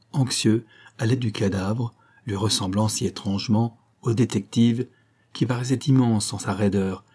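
A man reading a detective novel aloud as narrator, with steady, measured phrasing. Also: lowish voice, breathy edge.

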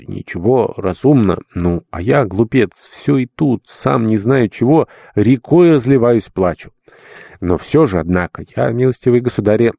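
A man's voice: fairly low pitch, warm tone, dry recording, clean studio sound. A man voicing a humble old dwarf servant. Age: older. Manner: fussy, obsequious, with old-fashioned polite address. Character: elderly male dwarf servant, humble, sentimental, deferential. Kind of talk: audiobook character voice.

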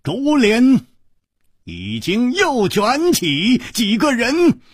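A man narrating a traditional martial-arts story with dramatic swings from hushed to loud. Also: extremely high pitch, huge pitch swings, drawn-out words, husky, no echo, studio quality. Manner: dramatic, with wide swings between soft and loud.

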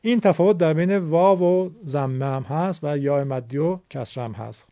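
A man giving a lesson on Quran recitation, explaining vowel sounds and stretching them out slowly to demonstrate. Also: a little high, mellow, no echo, dull audio. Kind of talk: classroom lecture.

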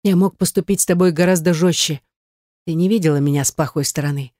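An audiobook reader voicing an angry ex-husband who speaks in gruff, sarcastic bursts. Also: male voice, on the high side, fast talker, darkish tone, no room sound, studio quality, close to an everyday voice. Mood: threatening. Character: angry wealthy ex-husband, hot-tempered, blunt. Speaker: audiobook character. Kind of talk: audiobook reading.

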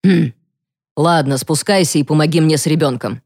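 A woman's voice: low-pitched, moderate pace, darkish tone, no echo, studio quality. A woman reading an audiobook voices a harsh, suspicious middle-aged mother who barks at her daughter. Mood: suspicious, gruff. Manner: barking, suspicious.

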